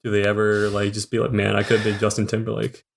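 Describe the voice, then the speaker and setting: A man's voice: lowish voice, monotone, fast talker, vocal fry. A young man co-hosting a podcast, rambling loosely with many fillers in casual chat. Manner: rambling, filler-heavy musing. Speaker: podcast co-host.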